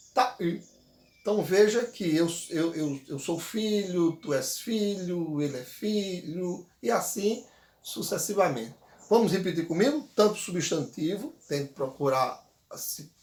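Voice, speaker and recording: High-voiced man teaching grammar in an echoey room. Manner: patient, repeats words slowly for the viewer to echo. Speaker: Tupi language teacher. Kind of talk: video grammar lesson.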